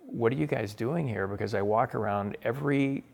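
A man's voice: medium pitch, moderate pace, gravelly. A middle-aged man, a guest author, answering interview questions in an earnest, enthusiastic way with frequent restarts.

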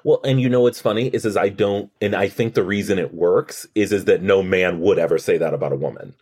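This podcast co-host has a low, darkish and slightly rough voice and talks a little fast. Chatty and analytical, he breaks down a TV episode in a casual recap, often restarting and quoting the dialogue.

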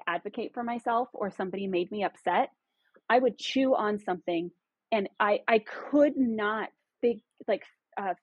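A woman's voice: mid-range voice, husky, no room sound, poor audio. A woman guest on a podcast, explaining things in a reflective, conversational way. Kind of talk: casual conversation.

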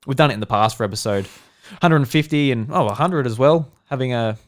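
Joking Australian podcast host. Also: male voice, mid-range voice. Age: 20s. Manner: jokey and teasing, fast asides. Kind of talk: casual chat.

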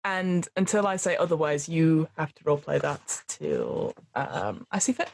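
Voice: medium pitch, sing-song, normal speed, gravelly. A game master running a tabletop role-playing game, giving casual instructions and narration to players.

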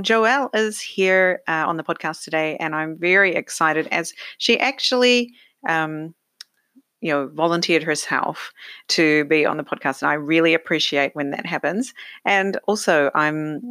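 Woman podcast host, middle-aged, chatty with lots of ums, fairly low voice, dry close sound. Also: dry recording. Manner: chatty, warm-voiced with many fillers. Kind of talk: casual podcast interview. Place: home.

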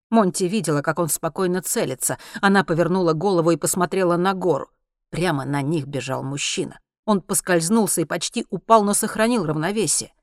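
An audiobook narrator reading a science-fiction story in a steady, measured way. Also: mid-range voice, dry recording, studio quality.

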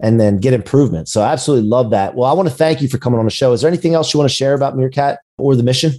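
Over a video call, a man hosts a business podcast in a conversational, motivational entrepreneur style packed with buzzwords. His mid-range voice is mellow and he talks at a racing speed.

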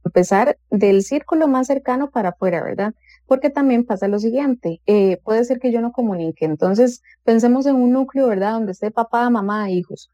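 Woman giving calm advice, mellow low-key voice, dry dull-sounding studio. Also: normal speed, dry recording. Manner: calm explanatory, acts out quoted family dialogue. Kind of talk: advice talk on a radio or web show.

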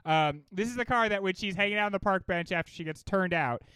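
High-voiced, animated podcast host, giggly and playful; smooth, dry close-mic sound. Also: male voice, no room sound. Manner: giggly, animated, quick to laugh and act out scenes. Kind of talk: casual movie podcast chat.

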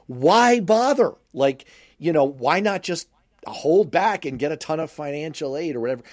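A man's voice: fairly high pitch, normal speed, darkish tone. A man co-hosting a podcast in casual chat, wry and jokey as he poses questions. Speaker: podcast co-host asking questions.

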